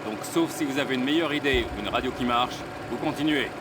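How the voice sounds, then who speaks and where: An actor playing a composed army captain in a war video game, giving orders in a brisk, firm, official way. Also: male voice, medium pitch, close to an everyday voice. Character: composed, authoritative army captain briefing his sergeant. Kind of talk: French-dubbed war video game acting. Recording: loud engine and outdoor noise.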